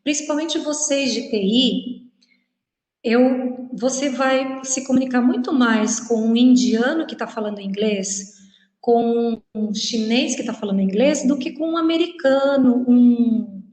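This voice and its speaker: A woman with a slightly high voice gives an informal lecture with slides, chatting with her students. She often checks in with them and acts out what people say. The room rings with a long reverb. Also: a little mellow. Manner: chatty, frequent "né?" tags, acts out quoted speech. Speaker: teacher giving a presentation.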